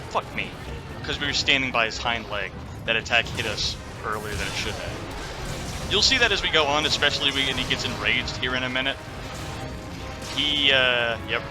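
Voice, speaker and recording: Male gaming host, mid-pitched, casual play-by-play commentary, opinionated and loosely sweary, clear game music underneath.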